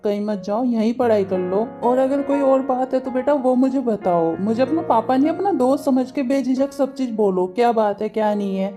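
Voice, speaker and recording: A woman voicing a gentle, caring middle-aged father who coaxes his daughter in a fan audio drama. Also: on the high side, moderate pace, few pauses, over music, lightly acted. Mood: soothing. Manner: soothing and coaxing.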